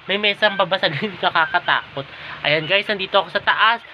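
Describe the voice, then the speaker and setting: A man's voice: sits high, a little fast, bright, forceful tone. Chatty Filipino man vlogging at home. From Philippines. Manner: chatty, keeps addressing viewers as guys. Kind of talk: casual home vlog. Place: at home indoors. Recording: dull lo-fi audio with clear background noise.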